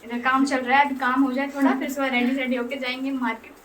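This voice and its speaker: A woman's voice: sits high, flat delivery, fast talker, a bit bright, slight background noise. A young woman chatting casually in her vlog, teasing and laughing often, recorded on a phone. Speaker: vlogger.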